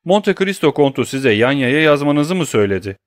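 A man's voice: mid-range voice, big pitch swings, normal speed, no room sound, studio quality, voice pushed up, close to an everyday voice. A man reading an audiobook who voices a cold, grimly furious young nobleman, talking in clipped, menacing tones.

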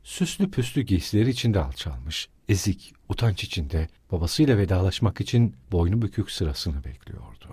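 A man reading a novel aloud as narrator, in a measured, dramatic way. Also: deep voice, big pitch swings, a little mellow, breathy edge, no echo. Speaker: audiobook narrator. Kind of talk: scripted narration.

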